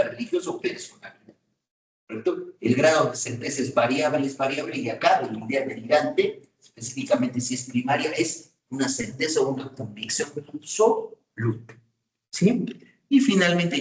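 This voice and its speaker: A male lecturer gives a university class on psychopathology, often pausing to check whether his students follow him. His pitch is ordinary, and he's captured from some distance in an echoey room.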